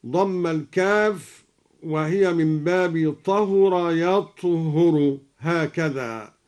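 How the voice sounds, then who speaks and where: A man explaining Quranic reading variants in a measured, scholarly way and chanting each verse slowly and melodically as an example. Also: a little high, darkish tone. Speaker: Quran recitation teacher introducing radio episodes. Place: radio studio.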